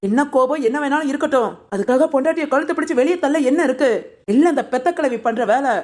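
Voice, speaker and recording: A woman doing a fast-talking outspoken neighbor. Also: high-pitched, darkish tone, close to an everyday voice. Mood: urgent. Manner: outspoken, advising. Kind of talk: cartoon voice acting.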